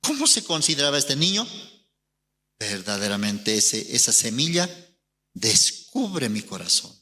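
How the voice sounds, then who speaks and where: A man with a Bolivian Spanish accent preaching a sermon as pastor, telling a story with dramatic, drawn-out emphasis. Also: medium pitch, sing-song, sharp tone, long reverb tail.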